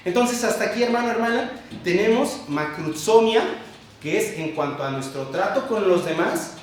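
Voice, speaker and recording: A male pastor preaching a sermon, emphatic, with sudden drops to a low hush. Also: expressive, moderate pace, slight background noise. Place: church sanctuary. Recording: very echoey church hall, mic far off.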